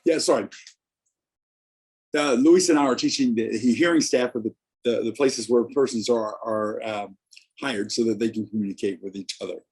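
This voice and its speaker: Male presenter, mid-range and slightly rough, halting informal delivery. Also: medium pitch, darkish tone. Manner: halting, searching for words.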